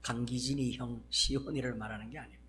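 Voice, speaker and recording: A male pastor with a Gyeongsang accent preaching a sermon, acting out exclamations and swinging from loud bursts to hushed asides. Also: medium pitch, fairly even intonation, fast, a little hiss or hum.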